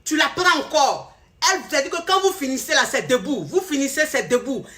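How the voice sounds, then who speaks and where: Lively woman doing a live sales pitch into her phone, high bright voice, talks right to viewers. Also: fairly quick. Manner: animated, mimics voices, addresses viewers directly. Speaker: seller of remedies and coach. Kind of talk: casual live sales talk.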